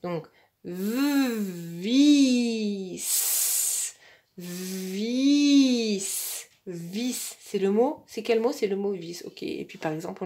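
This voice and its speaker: Woman talking through a kids reading method, lots of euh and restarts, stretches words out slow when she demos. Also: medium pitch, a little mellow. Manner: chatty with frequent fillers and repeated words; slows down and stretches words when demonstrating to a child. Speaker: teacher explaining a reading method for young children. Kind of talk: casual instructional explanation.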